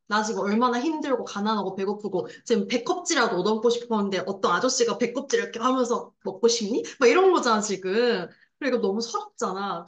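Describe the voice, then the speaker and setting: Animated woman teacher, echoey room. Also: a little high. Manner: lively, acts out scenes with sound effects and voices; chatty asides, addresses students directly. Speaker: Korean language teacher. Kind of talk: online lecture explaining a literary passage.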